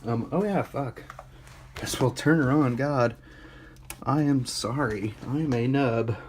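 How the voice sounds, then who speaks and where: A tired young man with a mid-range voice talks slowly while vlogging his PC build, and a little hiss or hum can be heard. He's a hobbyist doing casual, off-the-cuff show-and-tell, rambling, swearing often, and poking fun at himself.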